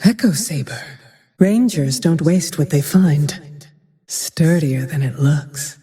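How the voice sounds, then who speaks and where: A woman voicing a grim, vengeful, haunted female ranger hero in a fantasy game, with terse, brooding, breathy lines. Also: sits low, lively intonation, mellow, exaggerated voice. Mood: brooding, resolute. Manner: measured, terse, brooding delivery. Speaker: video game voice actor. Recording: long reverb on the voice.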